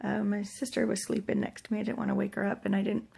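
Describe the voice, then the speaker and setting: Gravelly American woman, weak after surgery. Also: medium pitch, level tone, fast, warm tone. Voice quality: gravelly, husky, breathy. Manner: rambling, hesitant, trailing off. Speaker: vlogger sharing surgery recovery. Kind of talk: casual personal vlog. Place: hotel room.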